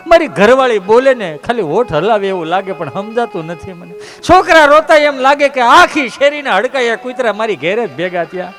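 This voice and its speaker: A man's voice: high-pitched, a bit bright. A man spins a comic folk tale for a live crowd. He is chatty and keeps calling his listeners sir. Faint music plays behind him. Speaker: comedian.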